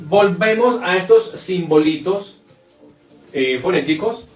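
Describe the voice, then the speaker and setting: High, lively male teacher, echoey room. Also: takes it slowly, far from the mic. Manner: explains by repeating words over and over. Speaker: English teacher. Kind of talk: live online class. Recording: echoey room, off-mic, faint music.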